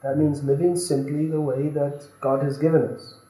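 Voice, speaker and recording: A man in casual talk who keeps questioning and pushes his own opinions. His voice sits a little high and comes from some way off the mic. The room around him rings. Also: level tone, warm tone. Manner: inquisitive, leads with quick questions. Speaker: interviewer. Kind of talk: casual conversation. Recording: echoey room, distant from mic.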